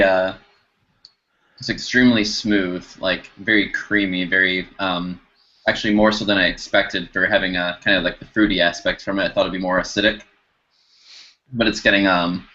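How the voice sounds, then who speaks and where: Casual co-host, low but bright tone, halting tasting notes, dull recording. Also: male voice, steady tone. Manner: searching for words, hesitant fillers. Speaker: beer review podcast co-host. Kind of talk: casual beer tasting chat.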